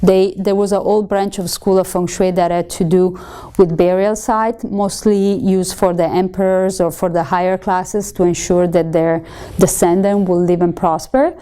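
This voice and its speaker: A woman from Italy with an Italian accent, giving a conversational lecture to students and often pausing with ums and correcting herself. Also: lowish voice, steady tone, dark tone, clean tone. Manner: conversational teaching with frequent ums and self-corrections. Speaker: feng shui instructor.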